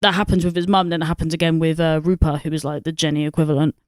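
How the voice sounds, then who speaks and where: A woman's voice: sits low, flat delivery, very fast, no echo, studio quality. A woman, co-hosting a podcast and rambling about a film with lots of swearing, fillers and laughter. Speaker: podcast co-host. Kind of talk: casual film review chat.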